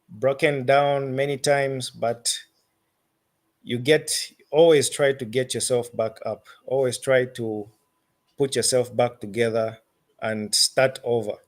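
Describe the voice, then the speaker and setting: This interviewee, a musician with a Zambian accent, speaks in a mid-range voice and builds his answers haltingly, weighing each phrase.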